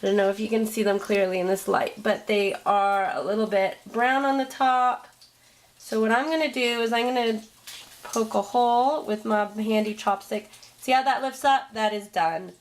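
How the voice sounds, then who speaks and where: A woman with a hoarse, froggy voice chatting casually as she walks through baking step by step in her home kitchen, filming on a handheld camera. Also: a little high, fairly even intonation, normal speed, poor audio. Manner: chatty, homey step-by-step explaining. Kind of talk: casual cooking demonstration. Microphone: handheld camera, set down at times.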